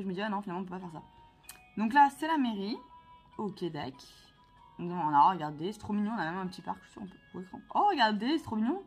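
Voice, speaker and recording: A woman's voice: medium pitch, a little mellow. Chatty woman narrating her gameplay. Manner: chatty, playful, talks straight to viewers. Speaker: vlogger playing a video game. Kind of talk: casual gameplay commentary.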